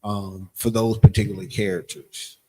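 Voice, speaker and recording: A man teaching a livestreamed language class, explaining in a casual, halting way with frequent pauses and ums. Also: lowish voice, little pitch movement, dark tone, slight background noise. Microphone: streaming setup, screen sharing.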